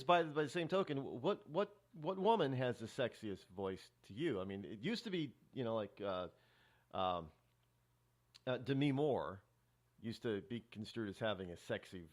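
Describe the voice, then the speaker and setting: A middle-aged man talks his way through a casual talk-show monologue, his voice rising and falling in wide, animated swings. He rambles, stops and restarts, and fills the gaps with hesitant filler sounds. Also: medium pitch, unhurried.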